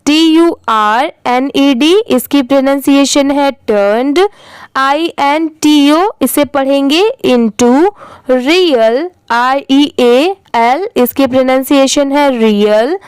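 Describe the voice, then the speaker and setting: High-voiced woman teaching English slowly. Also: no room sound, rough recording. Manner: spells words letter by letter, then says them slowly. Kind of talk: slow spelling-out reading lesson.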